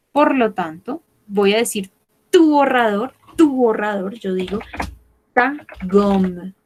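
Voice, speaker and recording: A woman gives an online French lesson in a slow, unhurried voice. She repeats every word two or three times and spells out the pronunciation carefully, like a patient teacher. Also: medium pitch, a little mellow, rough recording.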